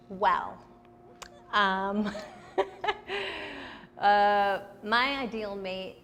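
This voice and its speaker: A woman's voice: lowish voice, gravelly, a bit bright, long reverb tail, slight background noise. A young adult woman, a comedian, giving candid, chatty answers in a casual interview.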